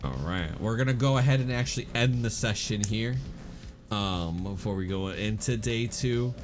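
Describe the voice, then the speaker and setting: A man's voice: on the low side, moderate pace, faint music behind. A man running a tabletop role-playing session as game master, talking casually, laughing often and swearing now and then.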